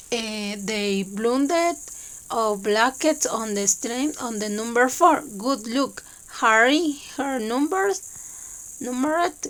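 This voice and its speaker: A woman whose first language is Spanish, reading a novel aloud in a halting, hesitant way with many fillers. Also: fairly high pitch, low-quality recording. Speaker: reader.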